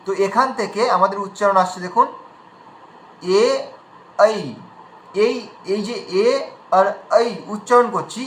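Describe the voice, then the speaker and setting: Guy teaching an online class, spells out sounds one by one, bright voice, echoey room. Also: high voice, slight background noise. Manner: demonstrates sounds one by one, patient.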